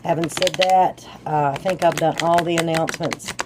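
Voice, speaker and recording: This tarot reader and channel host speaks at a normal pace in a low, steady voice, with heavy noise in the background. Her sore throat and sinus drainage make her sound congested, and her voice cracks here and there. Still, she keeps up a relaxed, homey chat with her viewers during the reading.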